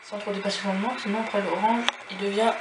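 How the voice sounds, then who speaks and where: A man's voice: high-pitched, little pitch movement, quick pace. Sniffly man counting squares aloud. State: stuffy, sniffling from a cold. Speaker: tutorial host. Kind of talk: casual step-by-step tutorial. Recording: echoey room with background noise.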